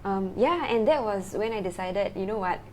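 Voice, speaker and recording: A woman's voice: mid-range voice, expressive, normal speed, a little mellow, a little hiss or hum, rough recording. A woman from Singapore, a founder talking as a guest in a casual interview, chatty and full of fillers and tag questions.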